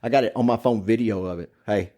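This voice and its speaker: A man's voice: lowish voice, fast talker, warm tone. Man, rambling ghost-story teller, cusses a lot, chatty podcast guest. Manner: rambling, profane, laughing through his story. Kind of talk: casual ghost story chat.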